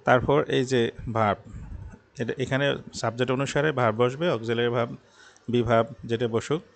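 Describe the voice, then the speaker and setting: A man's voice: mid-range voice, fairly even intonation, gravelly. A young man, teaching a grammar lesson with patient, step-by-step explanations. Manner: patient, explains step by step, reads examples slowly. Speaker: English grammar tutor.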